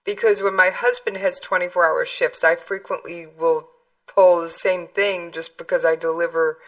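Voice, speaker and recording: A woman's voice: lowish voice, fairly even intonation, moderate pace, recorded from a distance. A woman interviewing someone in a casual, conversational way.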